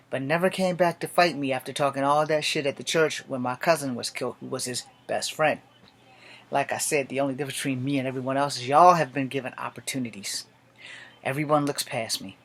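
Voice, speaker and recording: A man's voice: mid-range voice, fairly bright tone. A man in his late forties, an army veteran, speaking a blunt, profane and defiant personal monologue to camera. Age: 40s.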